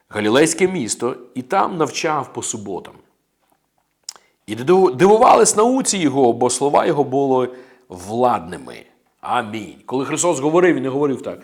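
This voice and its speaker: A man delivers a sermon as pastor, his voice sitting a little high. He speaks emphatically and declares each point. He punctuates his lines with amens and praises.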